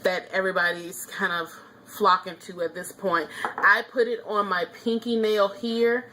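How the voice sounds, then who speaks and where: A woman's voice: mid-range voice, flat delivery, normal speed, bright, forceful tone, a little hiss or hum. A woman vlogger giving a casual, chatty nail polish review, opinionated, with frequent ums and small laughs.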